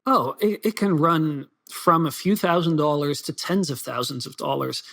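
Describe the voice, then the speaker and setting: Man, from the Low Countries, soccer writer, fast casual talk, somewhat high voice. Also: creaky, a bit bright. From Netherlands and Belgium. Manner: fast, chatty, with many fillers and restarts. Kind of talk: podcast interview.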